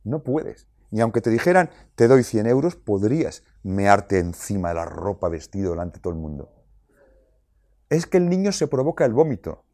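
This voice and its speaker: A man's voice: on the low side, very animated, moderate pace, dark tone, no echo, studio quality. A man with a Spain Spanish accent giving a talk to parents, emphatic and repeating his points for effect. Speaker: parenting speaker. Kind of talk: lecture to parents.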